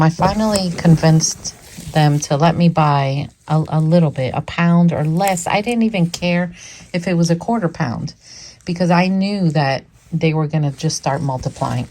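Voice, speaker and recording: A woman's voice: fairly low pitch, a little mellow. A woman hosting her worm farming channel, chatting with enthusiasm and the hiccups, outdoors at her worm bins. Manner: chatty and enthusiastic, with fillers and repeats. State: has the hiccups. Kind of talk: casual vlog chat.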